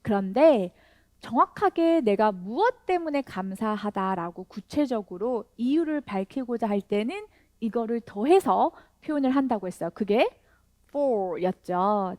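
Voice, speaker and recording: A woman leads an English lesson, asking learners to repeat each phrase. Her voice sits a little high and her pace is slow and patient. The recording is close and dry. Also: lively intonation, a little mellow, no room sound. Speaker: English teacher. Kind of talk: step-by-step language lesson.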